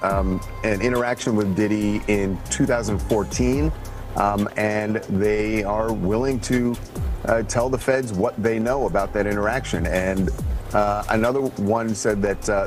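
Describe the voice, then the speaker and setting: A man with a fairly low voice comments in a live news interview. He speaks haltingly, stopping and starting as he explains, with music clearly playing behind him. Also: steady tone. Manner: halting, hedging speech full of hesitations. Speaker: entertainment news producer and guest commentator.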